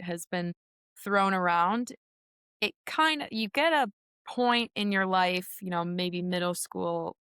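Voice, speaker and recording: A young woman from Minnesota, a hockey player answering interview questions in a chatty, relaxed way with frequent laughs and restarts. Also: fairly low pitch, clear, resonant tone, no echo, clean studio sound. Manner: chatty, laughs often, many ums and restarts. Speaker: guest, pro hockey player. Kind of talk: casual interview talk.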